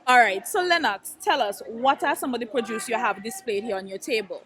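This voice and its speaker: A woman's voice: fairly high pitch, fairly quick, a crowd in the background. A woman, hosting an on-location interview with vendors at a public market.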